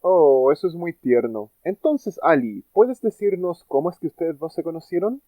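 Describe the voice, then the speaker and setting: A man's voice: a little high, lively intonation, moderate pace, no room sound. A man hosting an interview, introducing guests in an effusive, enthusiastic way. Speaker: podcast host. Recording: tinny phone-like sound.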